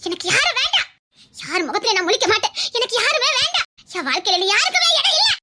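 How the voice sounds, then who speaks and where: A piercing, very high and bright voice of a young woman in a TV serial, sobbing and pleading for her father. She shouts through her tears in raw anguish, with tense, shrill breaks. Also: sing-song, fast, heavily acted. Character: desperate young woman begging to see her lost father. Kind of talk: tearful TV serial acting.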